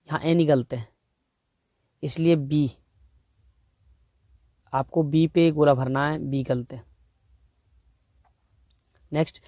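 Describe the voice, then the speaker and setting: A male grammar teacher with an Indian accent speaks in a slightly raised voice. He works through exam sentences at an unhurried pace and reads each example word by word. The sound is dry and close, with no room echo. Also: fairly high pitch, mellow. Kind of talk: exam-prep grammar lesson.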